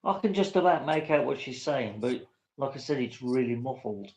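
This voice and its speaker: A man's voice: medium pitch, animated, normal speed, a little mellow, husky, rough recording. A man with a British accent chatting casually, with a blunt, insistent way of talking. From Britain. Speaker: guest on a live open-topic stream. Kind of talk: casual chat.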